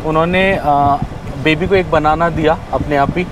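A man's voice: on the high side, steady tone, normal speed, noisy background. A man in his thirties chatting casually as a travel vlogger outdoors on a road trip, mixing English words into his talk. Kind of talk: casual travel vlog narration. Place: outdoors on a road trip, by roadside stalls and a temple.

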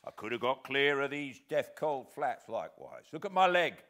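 A man reading aloud and voicing a rough escaped convict who shouts in gruff, scornful defiance. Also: medium pitch, big pitch swings, normal speed, voice pushed up.

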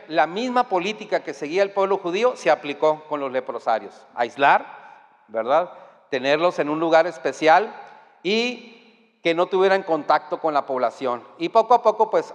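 A man with a Mexican accent delivers a sermon in a high, bright register. He talks to the congregation in a conversational way and pushes to loud, emphatic peaks. A long reverb hangs on his voice in the hall. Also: expressive, moderate pace. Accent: Mexican Spanish. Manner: conversational, addressing the congregation directly. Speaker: preacher. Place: church hall.

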